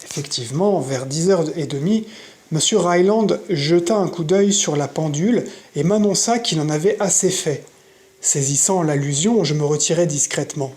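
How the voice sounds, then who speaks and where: A reader narrating a novel in an audiobook with steady, measured storytelling. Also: mid-range voice. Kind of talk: scripted narration.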